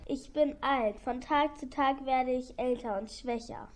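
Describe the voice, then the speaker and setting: A mournful old hunting dog from a children's audio play, voiced by a woman. He complains plaintively in a high voice. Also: unhurried, a little mellow.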